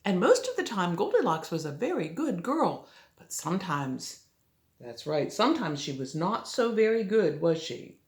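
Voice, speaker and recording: An older woman with a sweet old lady manner tells a children's story as a grandmother, gently coaxing the listener with little questions. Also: lowish voice, big pitch swings, normal speed. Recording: roomy, echoey home recording.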